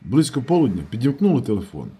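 A man narrating a novel in the first person as an audiobook reader, with steady storytelling. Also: mid-range voice, fast, slight background noise.

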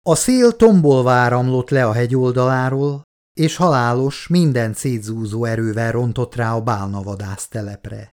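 Steady male audiobook narrator. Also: mid-range voice, smooth. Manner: steady, measured reading. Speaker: audiobook reader. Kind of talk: scripted narration.

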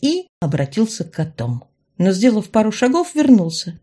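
A woman reading a first-person fantasy audiobook with expressive, lively storytelling. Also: medium pitch, normal speed, breathy edge. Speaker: audiobook narrator.

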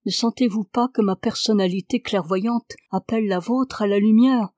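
Gentle, grave clairvoyant lord, read by a woman. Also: medium pitch, normal speed, dry recording, clean studio sound, natural voice. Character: calm, sorrowful clairvoyant English lord, adult man.

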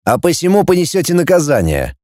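A man's voice: fairly high pitch, wildly swooping pitch, brisk, dark tone, no room sound, studio quality, voice pushed up. A man voicing a cold, haughty middle-aged male professor who speaks in an icy, superior, formal way.

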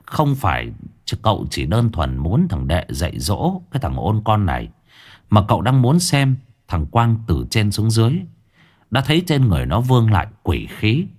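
A man narrating a ghost story in a lively, colloquial storytelling manner. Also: lowish voice, moderate pace.

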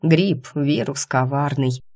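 A woman's voice: extremely low pitch, slow pace, darkish tone, full character voice. Storybook doctor husband, caring and insistent, read by a woman narrator. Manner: fussy and insistent about her health.

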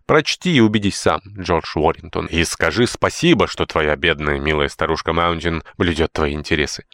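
A man voicing an indignant, fussy older woman who is a housekeeper and nanny, scolding and pleading in a shrill way. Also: flat delivery, moderate pace, bright, forceful tone, clean tone, no room sound. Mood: aggrieved.

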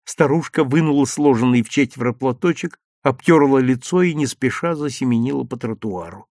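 A man narrating a children's story with lively, expressive delivery. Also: mid-range voice, a little fast, no room sound, clean studio sound.

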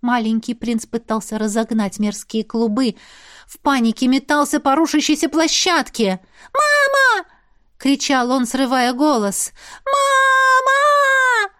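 A woman narrating a first-person fantasy story with dramatic delivery, dropping to a hush and rising to cries. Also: on the high side, normal speed, no echo, studio quality. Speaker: audiobook narrator.

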